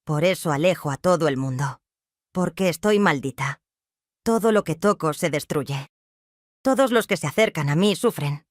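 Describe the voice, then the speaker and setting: Woman doing a tormented widowed mother, trembling sobbing confession, low voice, dry sound. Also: lively intonation, normal speed, no echo. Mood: despairing. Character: grief-stricken widowed mother, guilt-ridden, tormented.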